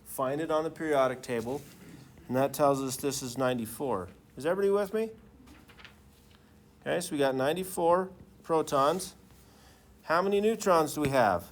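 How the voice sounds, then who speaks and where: A man's voice: a little high, moderate pace, a little hiss or hum. A man teaching a class in the manner of a professor lecturing, informal and often checking in with students through questions.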